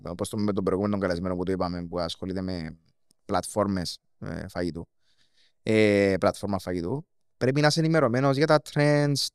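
A man with a Cypriot Greek accent hosting a casual interview, speaking haltingly in short fragments. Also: mid-range voice, smooth, no room sound, clean studio sound. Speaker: podcast host.

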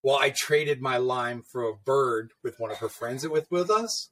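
A man co-hosting a casual podcast chat, telling stories in an animated way, swearing freely and laughing often. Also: medium pitch, normal speed, slight background noise. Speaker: podcast co-host, tattoo artist.

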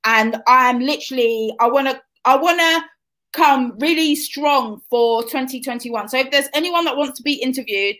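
A woman in her thirties from England hosts a casual interview in a London accent, speaking at a moderate pace in a high, fairly bright voice. She's chatty and encouraging, keeps things friendly, and calls her guest "hun."

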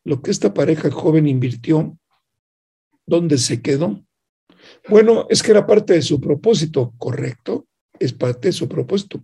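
Male radio host, slightly high voice, gravelly and husky, retells a story and asks the listener questions. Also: warm tone. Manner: retells a news story acting out both sides of the dialogue. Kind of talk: reflective radio talk with a moral lesson.

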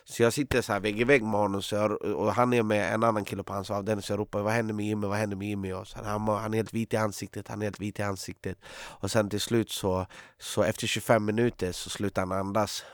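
A man's voice: fairly low pitch, level tone, no echo, clean studio sound. A man talking as a guest, telling a long story in a rambling way with many fillers and restarts. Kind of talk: casual storytelling in a podcast conversation. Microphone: close studio mic.

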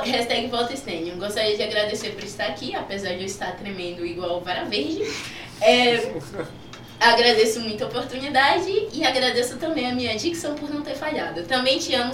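A woman's voice: on the high side, fairly bright tone, a little hiss or hum. Giggly young woman, Bahian accent. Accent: Bahian Portuguese. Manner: giggly, rambling storyteller. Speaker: youth orchestra viola student guest. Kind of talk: casual chat. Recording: echoey room from far off.

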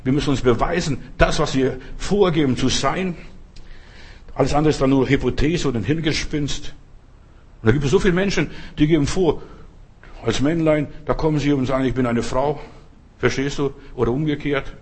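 Man, preacher, sermon, husky voice, emphatic, speaks straight to listeners. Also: mid-range voice, normal speed, a little mellow. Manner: emphatic, addresses listeners directly.

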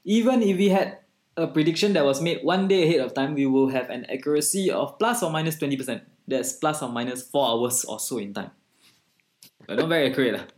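A man's voice: a little high, brisk, reverberant. A man with a Singaporean accent chatting casually in Singlish, full of lah, ah and eh, and bantering about the news.

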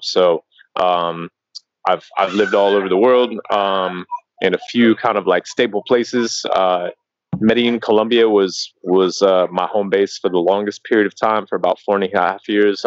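A man in his early thirties from Colorado, USA, chats casually as a podcast guest, laid-back, full of fillers and restarts, and calling the host "man." His voice sits low, and the highs are cut off.

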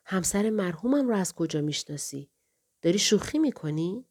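A woman voicing an elderly male scholar who is kind and grieving, speaking softly and affectionately. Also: fairly low pitch, lively intonation, husky. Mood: gentle. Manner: soft, affectionate, slow.

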